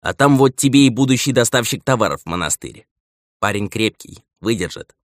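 A man's voice: mid-range voice, lively intonation, brisk, dry recording, studio quality, voice pushed up, lightly acted. A man reading the part of an old steward who nags and lectures a younger man, in an audiobook. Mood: scolding. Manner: nagging, lecturing elder. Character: old male steward, stern, patient, scolding.

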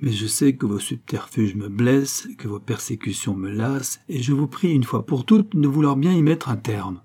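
A haughty aristocratic lady with a biting, imperious tongue, put on by a male reader in a raised voice. She sounds dark and husky, cold and mocking. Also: medium pitch, moderate pace, lightly acted.

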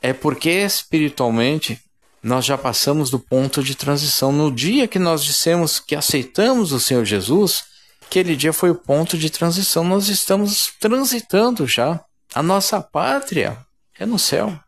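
A man's voice: on the high side, expressive, moderate pace. A man preaching a sermon in a fervent, emphatic way, often addressing his listeners as brothers.

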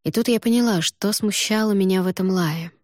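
A woman's voice: mid-range voice, brisk, no echo, clean studio sound. A woman narrating an audiobook in the first person, reading expressively and with emotion.

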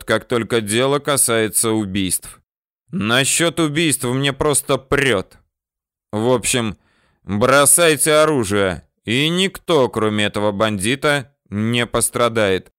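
A ruthless gunman, as a male reader plays him laying down loud, deliberate threats, each word spaced out slowly. The voice sounds smooth and close, with no room around it. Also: mid-range voice, animated, dry recording. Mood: menacing. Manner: loud, slow, threatening declarations. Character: hard, ruthless gunman, man, calm menace.

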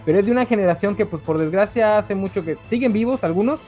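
A podcast host with a Mexican Spanish accent leads a casual live-streamed comic-book chat, rambling, restarting often and correcting himself as he goes. His voice sits high and sounds mellow, he speaks fast, and soft music plays in the background.

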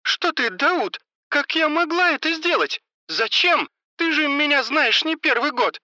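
A man's voice: high voice, very animated, normal speed, pushed and bright, no room sound, pitched above the performer's own voice, exaggerated voice. A man voicing a frightened woman caught up in drug dealing, talking in a scared, pleading way.

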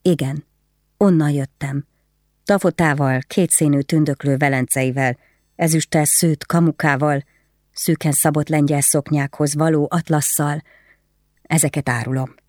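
A jailed merchant wife answers in a steady, plain voice, composed in the face of a witchcraft charge, as a woman reads her in a storybook. The sound is dry and close. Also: sits low, no echo, close to an everyday voice. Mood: resigned.

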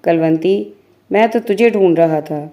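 A woman voicing a brash young village man, in a lowered, gruff voice. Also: measured pace, dark tone. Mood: pleading. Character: rough young male village lover, brash.

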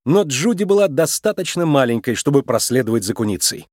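A man narrating a children's storybook in a lively, expressive reading style. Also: medium pitch, a little fast, no room sound, studio quality.

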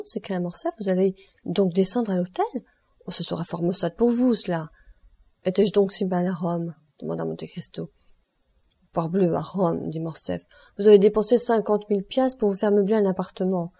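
A woman reads a classic novel aloud as an audiobook in an even, measured delivery. Her voice is mellow and warm, sitting in a middle pitch. She gives each character only a slight change of tone. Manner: reads all characters in a lightly varied voice. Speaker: audiobook reader. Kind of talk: scripted narration of a classic novel.

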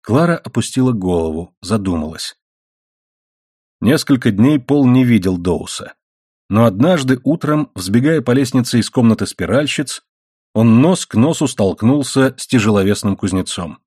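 Male audiobook narrator: husky, lively pitch, measured and expressive, dry close sound. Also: dry recording.

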